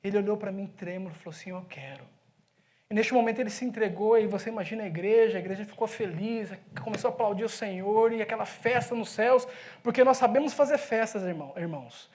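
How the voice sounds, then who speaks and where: A man with a Brazilian accent, a pastor preaching in a church, telling a story with lively swings from loud to hushed speech. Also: very high voice. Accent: Brazilian Portuguese. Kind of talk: sermon storytelling. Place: church sanctuary.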